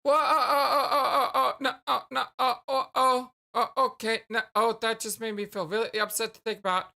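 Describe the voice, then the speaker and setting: A woman's voice: mid-range voice, level tone, a bit bright, lightly acted. Woman putting on a stammering, timid young troll. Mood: flustered. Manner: stammering, halting, hesitant. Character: timid, flustered, awkward young male alien troll.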